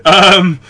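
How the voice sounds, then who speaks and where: A man co-hosting a casual gaming podcast, chatty and rambling, quick to laugh. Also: high voice, bright, forceful tone, breathy edge. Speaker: podcast co-host.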